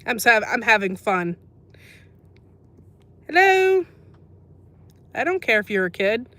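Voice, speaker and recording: An American woman hosts a casual livestream about herbal remedies, answering live chat messages and laughing often. Her fairly high, sing-song voice is pushed and bright, and she speaks slowly. There's no room sound.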